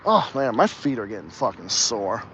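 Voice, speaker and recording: A fairly low-pitched man talks at a moderate pace, captured in lo-fi sound with a little background noise. He's a young podcast host with a faint Texas Southern lilt, walking about on a casual outdoor livestream, animated, rambling, and swearing plenty.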